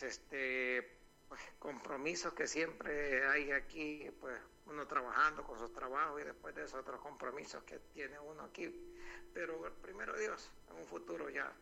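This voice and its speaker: Calling a local radio show by phone, this man has a fairly high, gravelly voice with a sharp edge, and he takes his time. The casual chat comes over a noisy phone line, his talk devout and nostalgic and thick with fillers.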